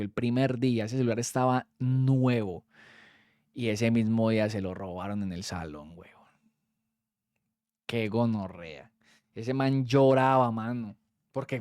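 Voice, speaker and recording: A man's voice: medium pitch, a little mellow, no room sound, clean studio sound. A young Colombian man with a Colombian Spanish accent, telling a story in a casual, slangy way and swearing freely as a streamer.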